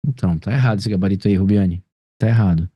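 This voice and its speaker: This Brazilian-accented grammar teacher speaks fast in a low voice with a breathy edge, recorded dry and lo-fi. Tutoring a student one-on-one by video call, he explains patiently and often uses tag questions to check that she understands.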